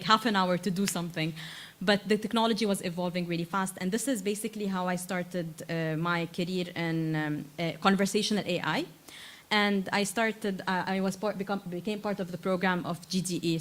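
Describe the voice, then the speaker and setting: A woman's voice: on the low side, fairly bright tone. A woman in her thirties from Lebanon, giving a conference talk to students and filling her speech with uh and um as she restarts phrases. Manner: frequent uh and um fillers, self-correcting restarts. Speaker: invited tech speaker.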